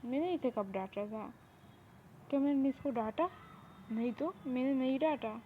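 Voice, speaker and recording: A woman voicing a kindly middle-aged aunt who asks gentle questions in a fan audio drama. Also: sits high, normal speed, close to an everyday voice. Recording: tinny phone-like recording, faint hiss.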